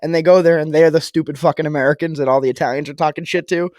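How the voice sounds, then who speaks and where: A man's voice: fairly high pitch, fairly even intonation, racing, dry recording. Laughing, swearing young man, dry sound. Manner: loud, joking, swears a lot, laughs often. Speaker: podcast co-host. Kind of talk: casual banter.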